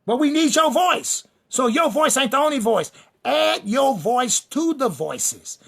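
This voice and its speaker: A man with a high, gravelly voice preaching a fiery sermon-style lecture. He hammers his points home in repeated refrains and lists, speaking directly to the people in front of him. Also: sing-song, unhurried, fairly bright tone. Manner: emphatic and repetitive, addresses the listeners directly; builds lists and refrains for rhythm. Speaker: preacher and teacher.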